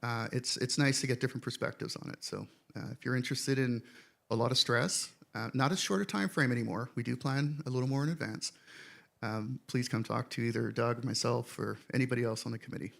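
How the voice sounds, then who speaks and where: A man with a gravelly, fry-laden voice speaks on a conference panel. He is relaxed and rambling, with a self-deprecating humor. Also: mid-range voice, fairly quick. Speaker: conference organizer. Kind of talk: live panel remarks. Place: conference stage, live audience.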